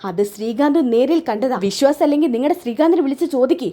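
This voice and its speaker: A woman's voice: high-pitched, expressive, fast talker, warm tone. A woman reading as a hurt, bitter young wife. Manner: sobbing, bitter, defiant complaints.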